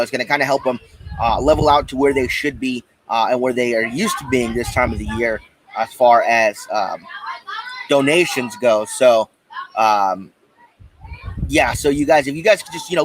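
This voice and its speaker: A man's voice: medium pitch, no echo, rough recording. An American man hosting a podcast live from a backyard, chatting informally with viewers in a hesitant, rambling way. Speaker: podcast host. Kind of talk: casual live-stream chat to viewers. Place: outdoors in a backyard.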